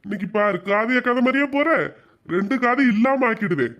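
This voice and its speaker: A woman's voice: a little high, fairly quick, fairly bright tone, highs cut off, lightly acted. A woman voicing a bullying village husband who scolds and threatens. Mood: scolding.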